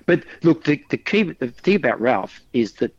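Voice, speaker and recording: A man's voice: medium pitch, sing-song, normal speed, husky, no room sound, dull audio. A man co-hosting a podcast, chatting casually with enthusiastic, stammering restarts. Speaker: podcast co-host. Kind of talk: casual chat.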